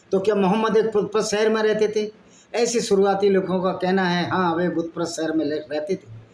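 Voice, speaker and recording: This man, hosting a channel, reads passages and comments on them with blunt, argumentative interjections. His voice is high-pitched and a little mellow, and the echoey recording carries faint background noise.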